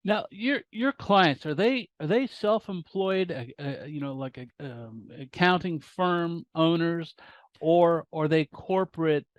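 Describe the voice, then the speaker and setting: A man hosting an interview over a video call, asking long, halting questions and repeating words as he goes. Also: a little high, no room sound, dull audio. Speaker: podcast host.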